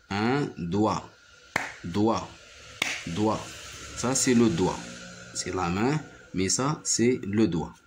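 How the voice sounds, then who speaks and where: A man teaching a primary phonics lesson, patiently repeating each word and syllable. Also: lowish voice.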